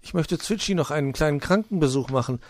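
Storybook helper, male, gentle and polite, somewhat high; voiced by a man, dry close sound. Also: fast, no room sound, natural voice. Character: calm, kindly helper creature Puh, male.

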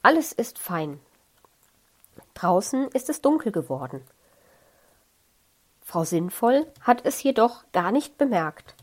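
A woman narrating a children's audiobook in a calm, measured reading voice. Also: on the high side. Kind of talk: scripted children's story narration.

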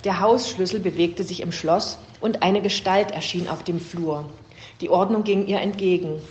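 A woman's voice: lowish voice, steady tone, moderate pace, a little mellow, muffled recording, slight background noise. A woman reading a fable aloud as storybook narration. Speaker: reader. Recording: roomy echo.

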